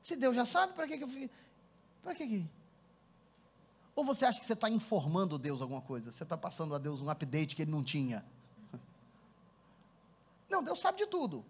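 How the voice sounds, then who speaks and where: A pastor preaching with a strikingly high voice that leaps up and down in pitch. He tells stories with animated energy and calls on his congregation to answer. He speaks into a handheld microphone in front of the church. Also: brisk, long pauses, husky. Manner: storytelling, animated, laughs often, calls congregation to respond. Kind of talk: sermon. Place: church hall before a congregation.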